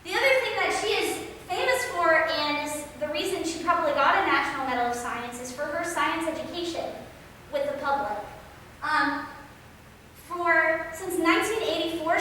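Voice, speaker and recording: A woman's voice: high-pitched, normal speed, sharp tone. A woman biologist giving an informal slide lecture in a casual, conversational way. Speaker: biologist giving an outreach talk. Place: large echoey room, speaking through a mask. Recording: very echoey hall, distant mic, faint noise.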